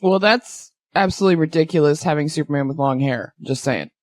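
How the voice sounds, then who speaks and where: A woman with a lowish voice talks on a movie podcast in a blunt, exasperated, sarcastic way. She swears freely. The sound is dry and close to the mic. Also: a little fast, darkish tone, no echo. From Canada. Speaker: podcast co-host. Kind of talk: casual movie podcast chat.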